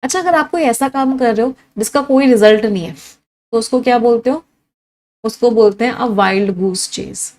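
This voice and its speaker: Young woman, Indian English accent, fairly high voice, exam-prep vocabulary teacher who repeats and quizzes. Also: moderate pace, darkish tone.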